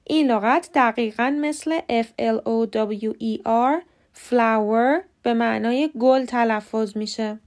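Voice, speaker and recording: A woman with a fairly high voice hosts a scripted podcast lesson on English pronunciation. Her first language is Persian, and she slows right down to spell words out letter by letter. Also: darkish tone.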